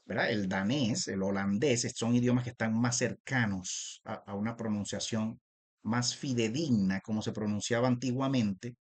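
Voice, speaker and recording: Man teaching, drawing out Hebrew names. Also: fairly low pitch. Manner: repetitive, addresses listener as "usted" and "hermano"; stretches out transliterated names slowly. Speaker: Bible teacher. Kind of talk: video lesson.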